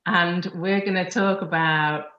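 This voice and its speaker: A woman hosting a podcast interview over a video call, chatty and quick to laugh. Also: mid-range voice, fairly bright tone. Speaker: podcast host. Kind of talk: casual interview. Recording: muffled roomy call audio.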